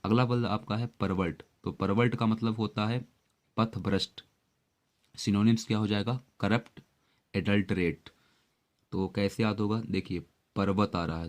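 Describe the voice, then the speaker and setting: Low-pitched male tutor, chatty explainer who keeps quizzing the listener. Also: a little mellow. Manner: chatty, with repeated questions to the viewer. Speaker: exam-prep vocabulary teacher. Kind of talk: explanatory lesson.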